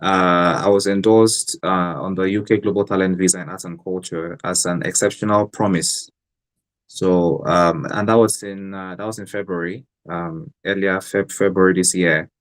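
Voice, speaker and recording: Young guy from cameroon on a video call, really deep voice, hesitant, lots of ums. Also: normal speed. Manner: relaxed, hesitant, many fillers and restarts. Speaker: guest artist. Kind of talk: casual interview on a video call.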